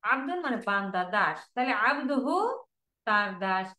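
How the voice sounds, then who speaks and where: Bangladeshi woman teaching arabic online, slow repeat-after-me drills, higher voice, echoey room. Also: animated, pushed and bright. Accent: Bangladeshi Bengali. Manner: drills word forms, repeating slowly. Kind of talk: online language lesson.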